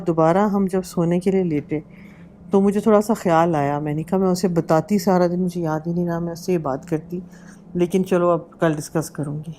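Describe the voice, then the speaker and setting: A woman with a fairly low voice tells her own ghost story as a vlogger. Her tone is warm and mellow, and she talks casually, mixing in English words and slowing to a hush at the tense moments. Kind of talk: personal horror storytelling.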